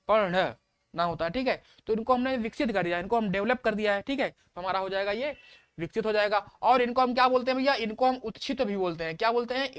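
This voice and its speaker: A woman teaching a grammar lesson to a live online class. She repeats each key term and quizzes her viewers as she goes. Her voice is smooth and clear, recorded dry and close. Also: mid-range voice, no room sound. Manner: reads out and answers viewer questions.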